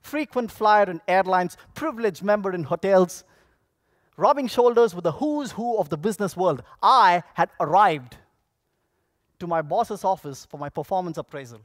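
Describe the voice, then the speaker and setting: A man delivering a rehearsed motivational speech, telling stories theatrically with dramatic pauses and projecting to an audience. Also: high voice, animated, dry recording, studio quality. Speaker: contest public speaker. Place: on stage at a speech contest convention.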